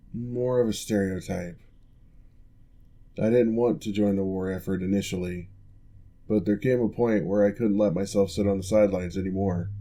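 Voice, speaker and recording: A composed orc, formerly a general and now a physical therapist, is played by a man in an ASMR roleplay. He speaks with a slightly low, mellow voice in a measured, formal and reassuring manner.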